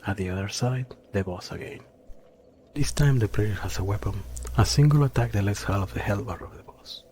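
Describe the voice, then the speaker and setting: A man narrating a scripted game review in a dry, sarcastic manner, with a gravelly voice. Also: lowish voice, brisk, a little mellow, a little hiss or hum.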